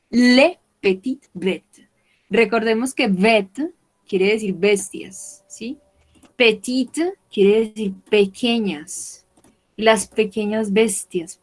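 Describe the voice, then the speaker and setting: A woman gives a French vocabulary lesson. She speaks very slowly, spelling out each word and repeating it for the class. Her voice sits at an ordinary middle pitch. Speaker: French teacher.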